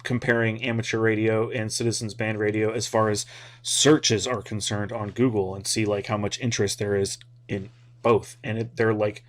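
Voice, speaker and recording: Talking at a normal speed, an American hobby video host rambles casually through his explanation. His fairly low voice stays flat in pitch, and he sounds informal and a bit hesitant, drifting along as he thinks aloud.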